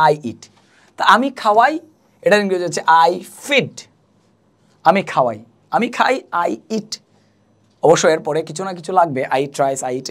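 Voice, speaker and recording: A young woman gives a spoken English lesson. Her voice sits slightly low and moves up and down a lot, and she patiently repeats each phrase and spells words letter by letter. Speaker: English teacher.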